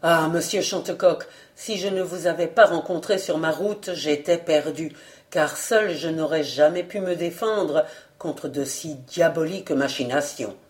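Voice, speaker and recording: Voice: mid-range voice, unhurried, close to an everyday voice. Brief: anxious young reporter, earnest and subdued, voiced by the book's reader. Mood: grateful. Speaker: newspaper reporter in a novel. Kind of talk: audiobook character reading.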